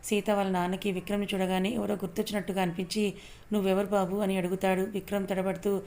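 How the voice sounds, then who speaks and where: A woman reads a serialized story aloud in a steady storytelling voice. Her pitch stays flat and even, with little rise and fall. She folds the characters' lines into the same plain reading. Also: fast talker. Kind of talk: read-aloud story narration.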